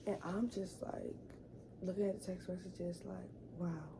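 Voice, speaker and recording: A woman's voice: fairly low pitch, steady tone, a little slow, gravelly, noisy background. A young woman telling a casual storytime vlog story, chatty, full of fillers and repeated words. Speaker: vlogger.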